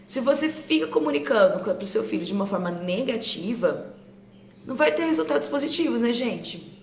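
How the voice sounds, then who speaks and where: A Brazilian Portuguese-accented teacher speaks to parents over a phone live stream, keeping it conversational and repeatedly checking in with tag questions. Her voice is a little high, very animated, slightly fast and a little mellow. The room echoes, with faint ambience and slight background noise.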